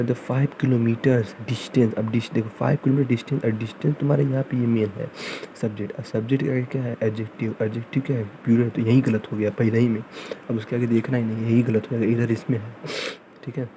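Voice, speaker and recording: A man teaching English grammar in a fast revision lesson, repeating points and reading English examples out slowly. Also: medium pitch, mellow, a little hiss or hum, rough recording. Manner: repetitive, drilling, reads English examples slowly.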